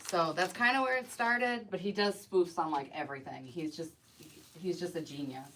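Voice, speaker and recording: A woman's voice: lowish voice, normal speed, pushed and bright, a little hiss or hum, rough recording. Chatty woman crafting on a live stream. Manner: chatty, rambling, many "like" fillers; talks to herself while working. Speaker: wreath designer hosting a live stream. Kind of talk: casual live-stream chat while crafting.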